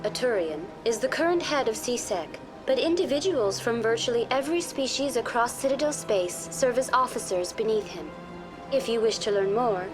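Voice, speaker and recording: A courteous female virtual intelligence acted by a woman guides visitors around a game's space station. The voice sits fairly high and stays formal and impersonal, reciting information in measured phrases. Music plays clearly behind it. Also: lightly acted. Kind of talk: scripted informational game dialogue.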